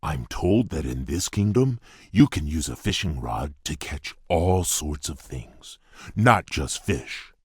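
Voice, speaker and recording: Big husky beast prince for a video game, really deep, polite n formal, kinda shy. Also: male voice, big pitch swings, dry recording, studio quality, heavily acted. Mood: courteous. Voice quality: husky, deep, gravelly rumble. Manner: formal, slow, earnest and courtly. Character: courteous, shy, gruff beast prince from a fairy tale. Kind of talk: video game character voice lines.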